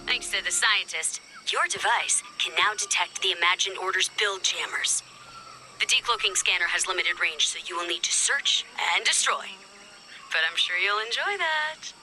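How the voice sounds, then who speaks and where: A woman's voice: mid-range voice, expressive, normal speed, rough recording. A woman playing a confident, wry resistance fighter who briefs the player in a video game, cool and dry in manner. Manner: cool, dry, self-assured, commanding. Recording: loud game music behind. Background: loud music.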